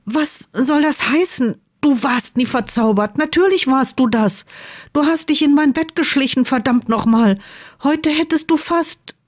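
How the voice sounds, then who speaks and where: A woman's voice: sits high, unhurried, pitched above the performer's own voice. A woman voicing a proud, agitated young wizard. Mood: incredulous. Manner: heated, incredulous, raising his voice.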